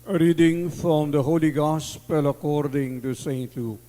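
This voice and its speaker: Male priest, Filipino accent, solemn and unhurried, fairly high voice, heard in a long cathedral echo. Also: fairly even intonation, warm tone. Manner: solemn, measured. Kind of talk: liturgical Gospel reading and homily. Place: large reverberant church.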